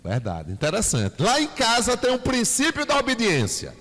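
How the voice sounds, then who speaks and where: Over soft background music, a man with a very high voice and moderate pace teaches a Bible class in a reverberant church hall. A church teacher with a Bahian Portuguese accent, he stays lively, asks the class questions, and acts out scenes with his son.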